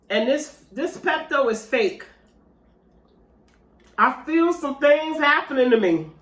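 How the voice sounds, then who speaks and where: Her voice is medium in pitch and a bit bright. The woman is a vlogger eating dessert at home and chatting with viewers in a casual, animated mukbang, and the recording carries room echo.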